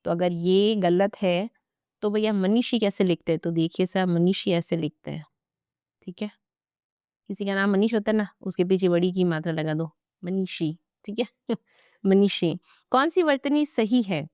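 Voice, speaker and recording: Chatty woman teacher, smooth close voice. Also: medium pitch, normal speed, a little mellow, no room sound. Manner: chatty and playful, with asides to students. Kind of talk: exam-prep grammar lesson.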